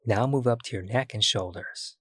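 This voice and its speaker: A man guiding a body-scan meditation, speaking slowly and soothingly with long pauses. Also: fairly low pitch, a bit bright, slightly rough, dry recording, clean studio sound. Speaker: meditation guide.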